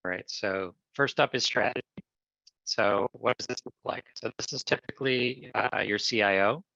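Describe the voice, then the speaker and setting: A man's voice: mid-range voice, moderate pace, vocal fry, pushed and bright, no echo. A man presenting over a video call, his glitchy audio breaking up as he lists points in short clipped phrases. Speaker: webinar presenter. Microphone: headphones with a microphone on a call. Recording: dry, dull, lo-fi call audio.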